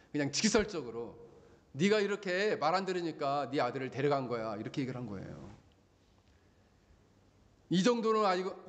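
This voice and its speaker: A male pastor preaching a sermon, telling stories and rising into loud pleading appeals. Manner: storytelling preacher who swings from low asides to loud pleading climaxes. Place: church sanctuary. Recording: long hall reverb.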